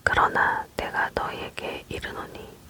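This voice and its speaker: A person leaning in to whisper close to the mic, reading scripture as scripted ASMR narration in a fully unvoiced voice. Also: unhurried. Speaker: reader of scripture. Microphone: close microphone.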